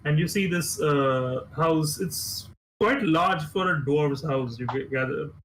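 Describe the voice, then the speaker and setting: A man narrating as game master of a tabletop game over voice chat, halting with many filler words. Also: fairly high pitch, a bit bright, low-quality recording. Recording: faint background noise.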